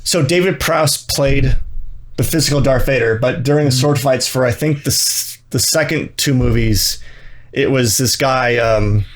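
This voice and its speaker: Male podcast host, mid-pitched, loose and rambling delivery, casual film talk. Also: normal speed. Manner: chatty, rambling with fillers and restarts. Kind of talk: casual movie podcast chat.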